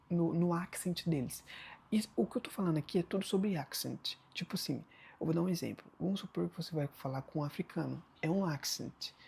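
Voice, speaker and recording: A Brazilian man with a Brazilian Portuguese accent talks straight to camera in a casual vlog. His voice is heavily gravelly, dark and husky. He rambles loosely and leans hard on fillers. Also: on the high side. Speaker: vlogger. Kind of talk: casual talking-head advice.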